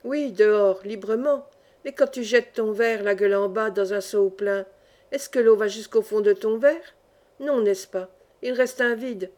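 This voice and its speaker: A woman reading the part of a calm old schoolmaster among trapped miners, explaining things patiently in an audiobook. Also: mid-range voice, unhurried, lightly acted. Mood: explaining calmly. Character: wise old male mine schoolmaster, calm.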